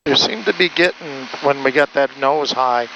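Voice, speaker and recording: Calm flight instructor guy, creaky voice, low key intercom instructions, muffled w some plane noise. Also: moderate pace. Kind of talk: casual in-cockpit coaching. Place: small airplane cockpit in flight. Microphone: aviation headset. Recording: muffled, noisy aircraft intercom audio.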